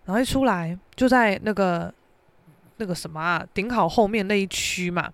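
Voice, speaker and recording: A young woman with a Taiwanese Mandarin accent, hosting a podcast and telling a story in an animated, exasperated way. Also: mid-range voice, moderate pace, dry recording. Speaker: podcast host. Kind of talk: casual storytelling.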